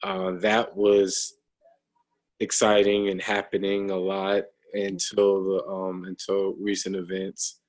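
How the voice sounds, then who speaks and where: Hesitant man in his thirties, low flat voice. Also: slow pace, low-quality recording. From United States. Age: 30s. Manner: hesitant, many ums and restarts. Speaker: guest. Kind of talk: casual interview over a video call. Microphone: video call.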